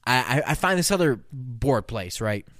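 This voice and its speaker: A man chatting on a podcast, giggly and drunk, in a very lively voice that jumps around in pitch. He rambles and swears as he tells stories casually, recorded close and dry. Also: normal speed, no echo. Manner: profane, rambling. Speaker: podcast co-host. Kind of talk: casual storytelling chat.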